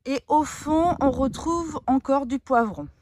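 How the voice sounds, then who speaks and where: A woman's voice: sits high, a little slow, darkish tone, a little hiss or hum. A woman giving a chatty, explanatory walkthrough of her vegetable garden outdoors, with frequent fillers. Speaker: gardening vlogger.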